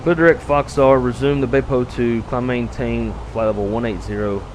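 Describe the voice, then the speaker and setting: A man's voice: mid-range voice, normal speed. A man speaking as an airline pilot on a headset, giving clipped procedural callouts and radio readbacks. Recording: loud steady cockpit hum.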